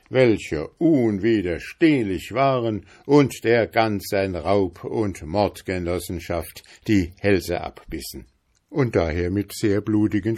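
Slow, low-voiced male storyteller. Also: darkish tone. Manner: measured, dramatic storytelling. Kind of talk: fairy tale read aloud.

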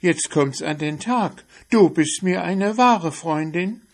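A man voicing a timid, trusting female mouse in a fairy-tale reading, speaking high and wondering. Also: unhurried. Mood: dismayed.

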